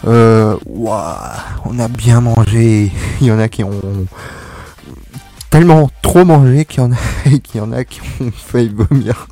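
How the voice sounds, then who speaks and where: A man's voice: mid-range voice, a little slow, mellow, soft background music. A young man hosting a casual radio chat, joking and laughing often as he talks. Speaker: radio show host.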